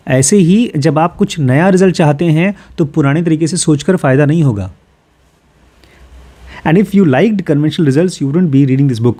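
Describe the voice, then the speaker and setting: A man's voice: a little high, mellow. A man from Uttar Pradesh explains a self-help book in a casual way. He reads English passages aloud, then talks them through with everyday personal examples. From Uttar Pradesh, India. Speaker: course teacher.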